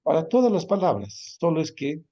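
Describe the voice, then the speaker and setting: A man's voice: on the high side, big pitch swings, fairly quick, warm tone, lo-fi sound. A man teaching a language class, repeating each word patiently and checking in often with his students. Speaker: Quechua teacher. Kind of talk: online class lesson.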